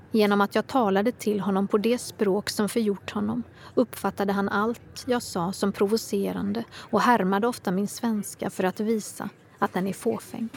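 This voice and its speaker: A woman with a gravelly, creaky edge to her voice reads first-person literary prose at a measured, reflective pace. A clear hum of vehicle noise runs underneath her reading. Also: medium pitch, a little mellow. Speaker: reader of her own prose.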